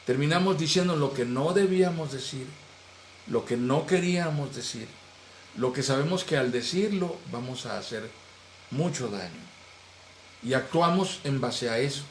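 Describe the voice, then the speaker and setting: A male pastor teaching a Bible study in earnest, raising his voice on some phrases and dropping low and soft at the ends of others. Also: normal speed. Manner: earnest, swings between raised animated phrases and low soft trailing endings. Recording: echoey room, faint background noise.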